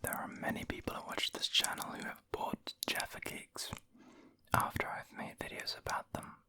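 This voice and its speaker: A person whispering an ASMR food review in a breathy, unvoiced voice, savoring and unhurried, close to the microphone. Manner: savoring, unhurried, with eating and mouth sounds. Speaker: ASMR video creator and host.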